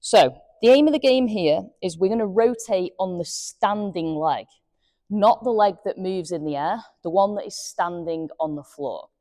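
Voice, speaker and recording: A woman's voice: medium pitch, lively intonation, normal speed, dark tone, no room sound, studio quality. A woman, a golf fitness coach, talking through exercises step by step while demonstrating them, slightly out of breath.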